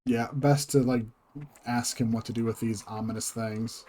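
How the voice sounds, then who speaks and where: A man's voice: medium pitch, fairly even intonation, normal speed, mellow, a little hiss or hum. A man streaming a video game, making wry, offhand remarks that trail off. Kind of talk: casual let's-play commentary.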